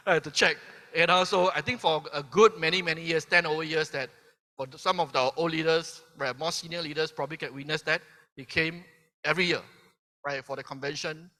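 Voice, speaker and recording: At normal speed and with fairly even intonation, a Malaysian man in his fifties gives a motivational speech as keynote speaker, his slightly high voice pushed and bright. He peppers lines with "right?" and asks the crowd questions, while the large convention hall adds long reverb to his stage delivery.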